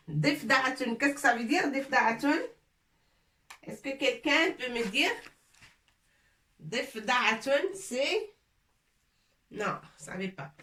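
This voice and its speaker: A woman teaching a language lesson slowly and patiently, repeating each word and asking her viewers questions. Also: on the high side, sharp tone, reverberant, recorded from a distance. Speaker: Arabic teacher.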